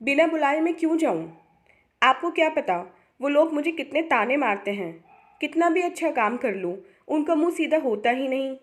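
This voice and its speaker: A woman's voice: high-pitched, lively intonation, moderate pace. A woman reading a story aloud and voicing a resentful, complaining young sister-in-law in her own voice. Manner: whiny, resentful.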